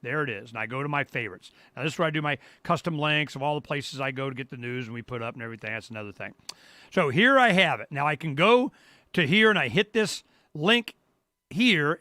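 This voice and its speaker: Bright-voiced man hosting a live stream. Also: expressive, fairly quick. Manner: loose and rambling, exclaims "boom". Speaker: radio show host. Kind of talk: casual live-stream walkthrough. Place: home studio.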